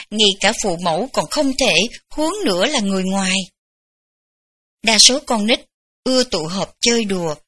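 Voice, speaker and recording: Female audiobook reader, bright tone, gentle unhurried memoir narration. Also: on the high side. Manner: gentle, unhurried storytelling with light laughs. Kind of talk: memoir read aloud.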